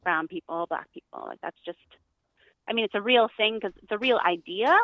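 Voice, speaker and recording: A woman's voice: medium pitch, normal speed, no room sound. A woman calling in to a casual show, chatty and hesitant, with many ums and likes. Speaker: caller. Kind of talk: casual phone-in chat. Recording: tinny phone line, dry.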